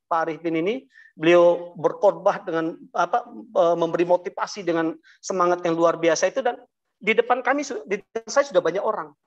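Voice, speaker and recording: A man telling his personal testimony to an audience, talking haltingly with many fillers and restarts and often addressing them directly. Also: high-pitched, muffled recording. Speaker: guest giving a testimony. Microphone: video call.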